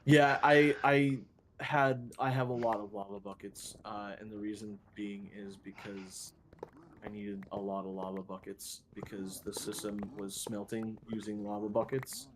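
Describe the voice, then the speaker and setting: Rambling, halting male streamer. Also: lowish voice, little pitch movement, background noise. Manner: rambling, halting, self-deprecating. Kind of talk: casual chat while gaming.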